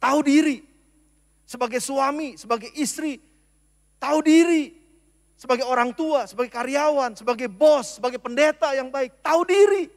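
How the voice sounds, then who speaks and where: A man preaches to his congregation in a very high voice. He swings between loud, emphatic lines and soft, quiet asides. His words ring out with a long reverb in a church hall. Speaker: pastor. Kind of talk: sermon.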